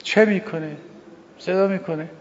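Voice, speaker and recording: An older man giving a sermon on a prayer, telling stories emphatically, repeating key phrases and swinging between loud and hushed delivery. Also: sits high, a little hiss or hum. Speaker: religious teacher. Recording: dull lo-fi recording with long hall reverb.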